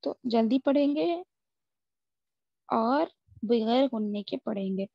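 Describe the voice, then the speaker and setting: A woman teaching a tajweed lesson, explaining rules quickly and then drawing out recited Arabic examples very slowly. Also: on the high side, animated, vocal fry, dry recording. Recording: dry, dull lo-fi audio.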